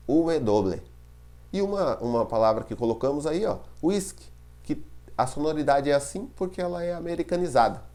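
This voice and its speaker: A man's voice: medium pitch, darkish tone. A man with a Brazilian Portuguese accent teaching a distance-learning Spanish lesson, patiently repeating words to show their sounds and checking in with his students.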